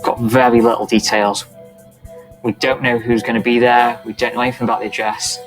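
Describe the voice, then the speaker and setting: Flat-voiced police officer. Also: male voice, medium pitch, brisk, music in the background, rough recording. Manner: steady, matter-of-fact recounting. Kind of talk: documentary interview recounting a shift.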